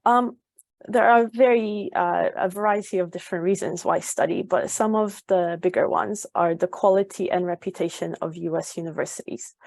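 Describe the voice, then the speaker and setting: A young woman from Poland presents a study-abroad webinar as an advisor, her lowish voice carrying a gravelly edge. She explains things step by step and fills her pauses with ums and uhs. The recording is dry and close. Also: darkish tone, no room sound. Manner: frequent ums and uhs, informative. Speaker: education advisor.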